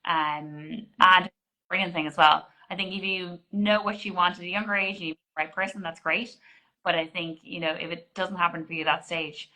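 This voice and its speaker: Woman GP, forties, clear bright delivery, talks things through with fillers and restarts. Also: lowish voice, fairly even intonation, normal speed, rough recording. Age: 40s. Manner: explanatory, frequent restarts and fillers. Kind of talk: conversational interview answers.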